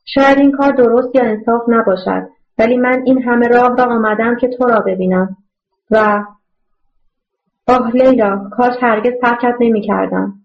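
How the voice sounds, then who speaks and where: A woman voicing a tender, regretful man who has come back after many years, speaking in a low earnest voice. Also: lightly acted. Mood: pleading. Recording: muffled lo-fi audio.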